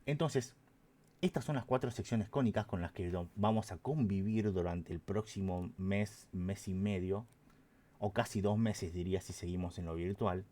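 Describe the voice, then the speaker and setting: A man's voice: sits low, moderate pace, warm tone. A man teaching an online math lesson, patient and explanatory, often checking in with his students.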